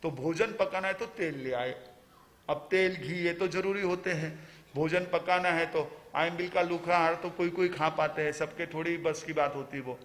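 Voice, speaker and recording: A man, a Jain monk, preaching a sermon as a slow story with frequent filler pauses. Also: on the high side, fairly even intonation, fairly bright tone. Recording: reverberant hall.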